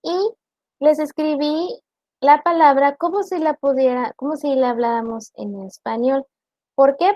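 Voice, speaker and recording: A woman teacher giving an online class, explaining slowly and deliberately and asking her students questions. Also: high voice, no echo, highs cut off.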